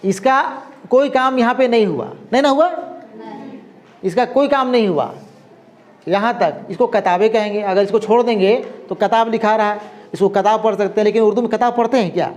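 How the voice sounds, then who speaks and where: A man teaching an Urdu class, explaining slowly and often checking that his students follow. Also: high voice. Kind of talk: classroom lesson.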